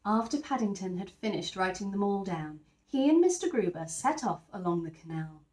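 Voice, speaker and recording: A woman teacher narrates a children's picture book to young listeners, putting stress on important words as she reads the scripted story with expression. Her mid-range voice has lively intonation, a moderate pace, and a darkish tone, and the recording sounds roomy.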